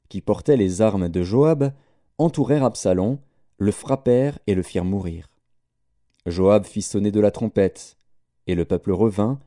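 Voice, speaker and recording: A man reading scripture aloud in a measured, solemn way. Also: lowish voice, dark tone, no echo, studio quality. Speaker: scripture reader.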